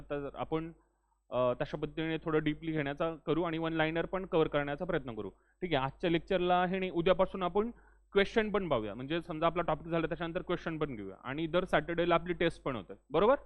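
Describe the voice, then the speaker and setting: A young man teaching a classroom lecture in a friendly way, often saying "ठीक आहे" and urging students to speak up. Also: a little high. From Maharashtra. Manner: loudly urges students to speak up. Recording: tinny phone-like recording.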